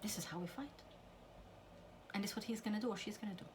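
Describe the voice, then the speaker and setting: Talking fast over a noisy background, this medium-pitched woman is a middle-aged family counselor. She addresses parents earnestly about clashes with teenagers and voices the parents and teens she quotes.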